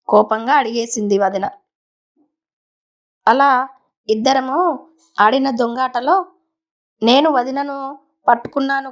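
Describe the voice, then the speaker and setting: Woman storyteller, slightly high voice, casual first-person telling, unhurried.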